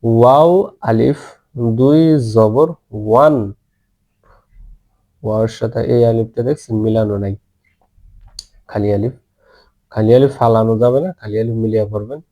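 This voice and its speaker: A man teaching Quran reading, drawing out each syllable slowly and often checking that his listeners follow. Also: mid-range voice, steady tone, warm tone. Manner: patient, drawn-out syllables, asks "ঠিক আছে?" often. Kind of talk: slow letter-by-letter recitation lesson.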